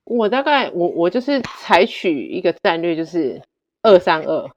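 A woman guest telling stories in casual chat, direct and animated, acting out the dialogue. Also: on the low side, normal speed, big-room sound, dull audio.

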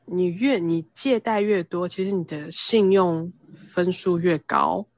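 A woman in her thirties from Taiwan, a podcast guest, talking casually and explaining at length with quick asides. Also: on the low side, no echo. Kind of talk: casual interview chat.

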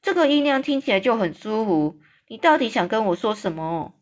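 A woman voicing a huge, gentle, friendly male giant in a storybook read-aloud, talking in a raised, fussy, complaining tone. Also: fairly high pitch, big pitch swings, fairly quick.

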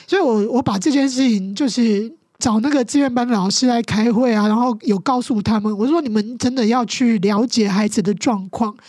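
A woman's voice: on the high side, dark tone, dry recording, clean studio sound. A middle-aged woman with a Taiwanese Mandarin accent, a guest telling a painful story with passion and strong emotion. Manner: impassioned, emotional, quick to act out scenes. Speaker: guest, teacher and mother. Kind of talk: podcast interview storytelling.

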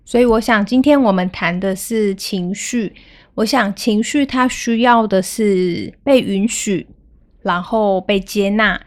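A woman in her thirties talks calmly on a parenting podcast, her tone gentle and even as she retells a family moment. Her voice sits at a middle height, neither high nor low. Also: unhurried. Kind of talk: storytelling podcast talk.

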